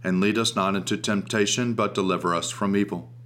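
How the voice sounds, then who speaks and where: A man leading liturgical prayer, reciting in solemn, measured phrases as an officiant. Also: lowish voice, fairly even intonation, fairly bright tone.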